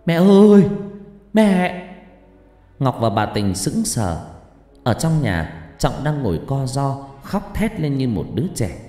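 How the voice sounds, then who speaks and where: A man narrates a horror tale in a dark, warm voice with lively pitch, hushing in the tense parts. His voice carries a long reverb, and faint music plays underneath. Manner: dramatic, hushed in tense passages.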